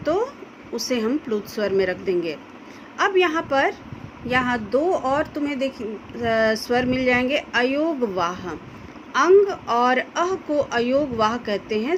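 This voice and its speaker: A woman teacher explaining a grammar lesson to students slowly, carefully pronouncing each example sound. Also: high voice, a little hiss or hum, rough recording. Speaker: school Hindi teacher.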